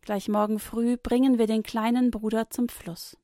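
A woman voicing a loving mother in a children's Bible story, speaking earnestly and calmly. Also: fairly high pitch, normal speed, dry recording, studio quality, close to an everyday voice. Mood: serious. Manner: earnest, calm.

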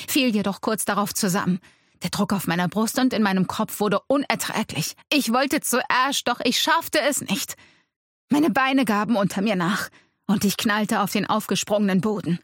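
A woman's voice: mid-range voice, dry recording. Woman narrator, dramatic first-person storytelling, dry close sound. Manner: dramatic, tense delivery. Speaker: audiobook narrator.

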